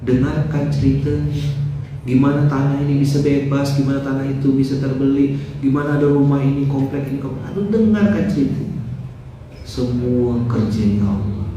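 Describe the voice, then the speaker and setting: A man giving a lively, joking dawn sermon and putting rhetorical questions to his listeners. He is getting over mouth ulcers and speaks with care. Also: medium pitch, lo-fi sound. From West Kalimantan, Indonesia. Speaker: preacher. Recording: roomy, distant mic, faint background noise.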